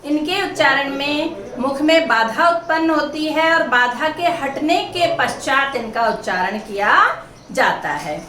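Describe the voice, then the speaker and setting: Slow, high-voiced woman teaching Hindi grammar. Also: lively intonation, sharp tone. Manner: slow, patient, spells out each letter. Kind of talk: grammar lesson explaining consonants. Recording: echoey room, mic at a distance, faint hiss.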